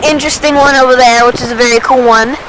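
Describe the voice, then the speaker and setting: A young woman from Massachusetts vlogging casually outdoors in a windy cemetery, chatty and apologetic, cold and low on energy, filmed by someone else holding the camera. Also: steady tone, quick pace. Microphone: camera held by another person. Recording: heavy wind noise on mic.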